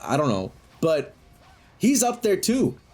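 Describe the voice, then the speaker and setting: Husky man rambling through a comic tale. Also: a little high, slow, soft background music. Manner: rambling, self-correcting, animated. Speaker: storyteller. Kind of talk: improvised comedic storytelling.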